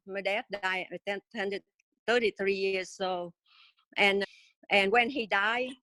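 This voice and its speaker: A woman's voice: mid-range voice, a bit bright, no echo. Vietnamese-accented woman in her seventies, dry. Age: 70s. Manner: halting, many filler sounds, simple grammar. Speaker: interview guest. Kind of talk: casual storytelling interview.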